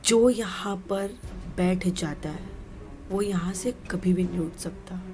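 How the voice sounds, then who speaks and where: A woman voicing a cold, menacing ghost woman in a hushed whisper, over faint background music. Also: lowish voice, takes it slowly. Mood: eerie, menacing.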